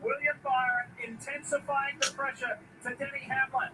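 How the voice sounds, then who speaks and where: A man's voice: very high-pitched, little pitch movement, normal speed, low-quality recording. A man giving live motorsport commentary for television with analytical, emphatic phrasing. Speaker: race commentator. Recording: loud race-car noise behind. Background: race engines.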